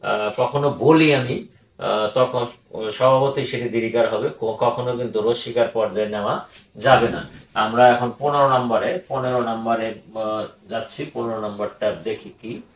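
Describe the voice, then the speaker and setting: A man with a Bangladeshi Bengali accent teaching a grammar lesson, speaking slowly and deliberately, repeating each word and often pausing on "ah". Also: mid-range voice, fairly even intonation, reverberant, rough recording.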